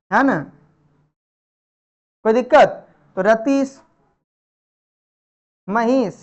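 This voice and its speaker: A woman teacher runs a live classroom lesson, asking the same questions again and again and nudging her students with familiar, chiding remarks. Her voice sits fairly high. The recording is dull and lo-fi, as if caught in the room. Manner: drills students with repeated questions and answers; chiding, familiar address to pupils. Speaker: Sanskrit grammar teacher.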